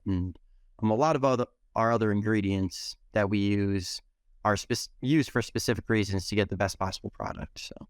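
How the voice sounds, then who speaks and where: A young man who runs a pizzeria explains how he works in a relaxed interview, pausing often on ums. His voice sits low and smooth, recorded dry and close. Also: no echo. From United States. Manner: steady, explanatory, frequent ums. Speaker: pizzeria owner. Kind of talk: casual interview answers.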